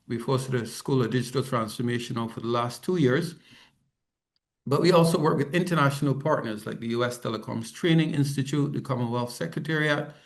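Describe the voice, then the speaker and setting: A man from Barbados, giving a conference presentation as head of a regional organization over a remote video call. He talks conversationally, with frequent ums and self-corrections. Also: mid-range voice. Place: office, not the venue.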